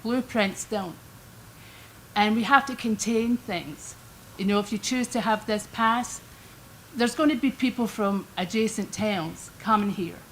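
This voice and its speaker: An older Scottish woman gives public comment at a council meeting microphone, speaking a little slowly at a middling pitch. She is chatty, homely and lightly self-deprecating, and the poor audio carries a faint background hiss.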